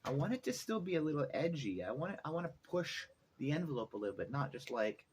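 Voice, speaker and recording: A man's voice: fairly high pitch, sing-song, fast, a little mellow. A middle-aged man talking casually in a vlog, rambling and thinking aloud as he goes. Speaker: vlogger, musician. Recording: noticeable background noise, ambience.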